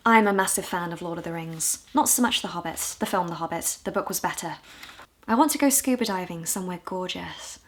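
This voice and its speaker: A woman from the UK in her twenties, talking candidly and with self-deprecating humor in a casual vlog, her voice a little hoarse. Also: fairly low pitch, fairly quick. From United Kingdom. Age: 20s. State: hoarse, low on voice. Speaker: vlogger.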